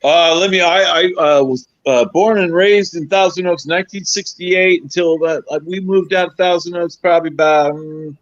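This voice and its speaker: A man's voice: on the high side, normal speed, few pauses, dry recording, muffled recording. A man in his fifties chatting casually as a caller, friendly and hesitant with many fillers. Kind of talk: casual chat.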